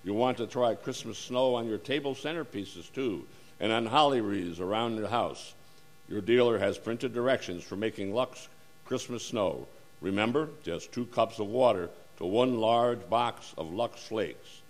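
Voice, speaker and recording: A man playing a polished 1940s radio announcer who gives a formal, smooth sponsor pitch in old radio style. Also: a little slow, lightly acted. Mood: upbeat.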